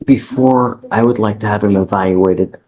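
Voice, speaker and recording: A man's voice: fairly low pitch, moderate pace, a little mellow, low-quality recording. A man presiding as judge in a courtroom, lecturing a defendant in a stern, exasperated way. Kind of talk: courtroom ruling.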